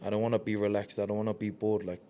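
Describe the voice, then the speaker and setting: A man speaks in a low voice that stays fairly level in pitch. He talks in a laid-back, earnest way, peppering his thoughts with "like" as a guest in a casual interview. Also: little pitch movement, rapid-fire, warm tone. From New Zealand. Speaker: guest, community leader.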